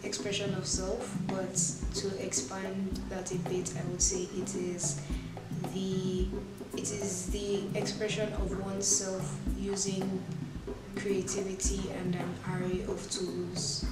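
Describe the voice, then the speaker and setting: A woman from Nigeria speaks in an even, measured way, choosing her words carefully. She sounds far from the mic in an echoey room, with very loud music over the recording. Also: mid-range voice. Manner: measured, articulate. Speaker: performing artist. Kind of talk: casual interview answers.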